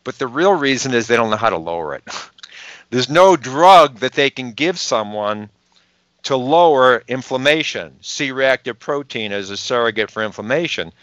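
A man's voice: mid-range voice, lively intonation, moderate pace, a bit bright, dry recording, dull audio. A man with a Boston accent, a podcast guest explaining health research in an emphatic way and asking rhetorical questions. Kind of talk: explanatory interview talk.

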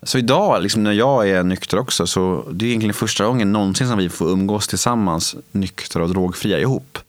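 A man in his late twenties, speaking candidly in an interview, halting with many fillers and restarts. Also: on the low side, dry recording.

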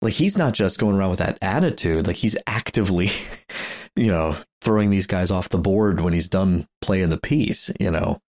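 Low-pitched, chatty podcast co-host who laughs through his points. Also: expressive, moderate pace, darkish tone. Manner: rambling, chuckling, many restarts. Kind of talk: casual chat.

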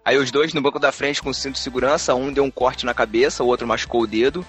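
Fast-talking man telling a story. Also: mid-range voice, faint music behind. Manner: animated, laughs often, repeats words. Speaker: podcast co-host. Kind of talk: casual storytelling chat.

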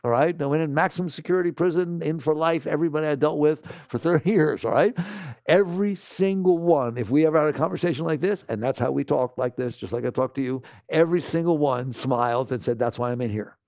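Gravelly man lecturing an audience. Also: fairly high pitch, fast, no room sound, studio quality. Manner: animated, scolding, rhetorical questions. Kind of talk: talk to an audience.

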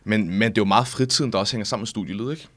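A young man in his twenties with a fairly low voice co-hosts a relaxed podcast conversation. He tells stories in a lively, rambling way, with plenty of filler words along the way. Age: 20s. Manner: lively anecdotal storytelling, frequent fillers. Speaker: podcast co-host. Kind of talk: casual chat.

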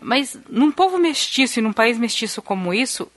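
A woman's voice: on the high side, big pitch swings, moderate pace, fairly bright tone, dry recording. Reflective Brazilian woman, dry close sound. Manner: reflective, reasoning aloud. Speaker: podcast co-host. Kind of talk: casual conversational interview.

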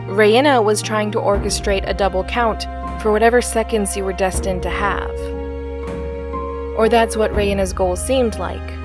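A woman narrates a story in a calm, measured way. Her voice sits in an ordinary middle range. Faint music plays quietly behind her. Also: medium pitch.

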